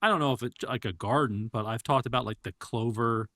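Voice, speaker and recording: A man's voice: mid-range voice, fairly quick, bright, forceful tone, dry recording, clean studio sound. A man co-hosting a casual podcast, talking in an easygoing, rambling way with many fillers. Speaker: podcast co-host.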